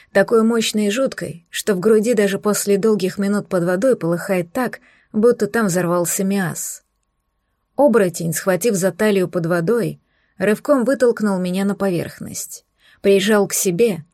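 A woman's voice: mid-range voice, moderate pace, a little mellow, no room sound, clean studio sound. A woman reading a first-person novel aloud, with an intense and dramatic telling. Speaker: audiobook narrator. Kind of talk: first-person audiobook narration.

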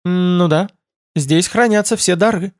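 A male reader voicing a bold, quick-witted young woman mage, in a slightly raised and lively voice. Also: high voice, no echo, clean studio sound, pitched above the performer's own voice. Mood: explaining.

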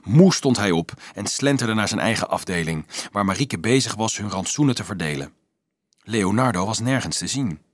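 Male narrator for a novel reading, very lively intonation, mid pitch, dry close recording. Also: normal speed, no room sound. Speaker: audiobook narrator. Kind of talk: scripted narration.

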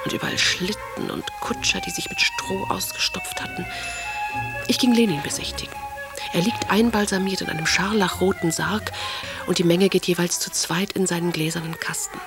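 A woman's voice: lowish voice, fairly even intonation, normal speed, natural voice. An actress playing a passionate aristocratic woman writer, reading her letters in an intimate, often half-whispered voice over music. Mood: musing. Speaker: letter-writing lover. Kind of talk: radio drama reading of letters.

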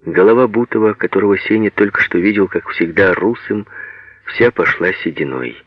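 A man narrating a literary audiobook in a measured, even reading. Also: lowish voice, dry recording, dull audio.

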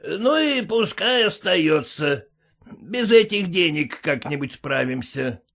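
An actor playing a proud, bitter old army captain, gruff, indignant and scornful. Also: male voice, on the high side, sing-song, takes it slowly, a bit bright, heavily acted. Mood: proud refusal. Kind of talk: audiobook character reading.

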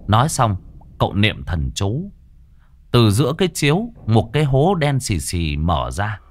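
A man's voice: on the low side, huge pitch swings, unhurried, no room sound. A man telling a ghost story in a dramatic, suspenseful way.

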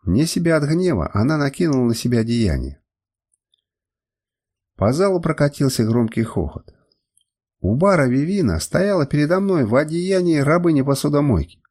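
Husky, lively male audiobook narrator. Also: a little high, normal speed. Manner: expressive, dramatic reading. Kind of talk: first-person audiobook narration.

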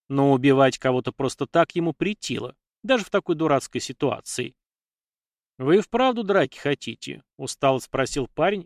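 Brief: man, mid pitch, steady fiction narration, dry booth sound. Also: no echo. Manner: steady storytelling read. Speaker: audiobook narrator.

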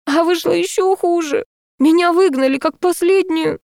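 A woman voicing a distraught, tearful young woman in an audiobook, speaking in a high plaintive whimper. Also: normal speed, vocal fry, darkish tone, dry recording, studio quality. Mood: sobbing. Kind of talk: audiobook character voice.

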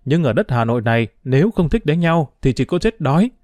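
A man voicing a scrappy, cheeky street urchin boy in an audiobook, talking fast and boastfully. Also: on the high side, sing-song, a little mellow, no room sound. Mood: cocky. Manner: boastful, quick, teasing. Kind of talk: audiobook character voice.

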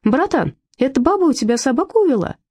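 A woman reading an audiobook voices a burly young man with a rough, insinuating manner. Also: high voice, very animated, quick pace, darkish tone, pitched above the performer's own voice. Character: burly young man, thug's brother, scared of dogs.

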